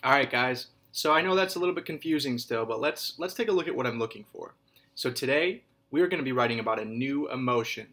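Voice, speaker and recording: This is a man teaching a recorded writing lesson to kindergarten and first grade children. He speaks clearly and patiently, repeating each point and addressing the kids as scholars. When he reads example sentences, his voice lifts into a lively, sing-song emphasis. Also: medium pitch, fast.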